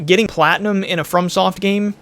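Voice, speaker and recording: A man's voice: high-pitched, fairly even intonation, fairly quick, fairly bright tone, slight background noise. A man giving casual let's-play commentary, chatty and rambling as he thinks aloud, his voice a little worn from talking so much. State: losing his voice a bit. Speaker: gaming YouTuber.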